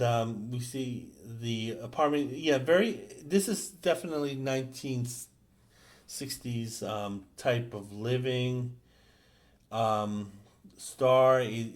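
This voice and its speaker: A middle-aged man recapping a comic book in a casual, halting way, full of fillers and restarts. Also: mid-range voice.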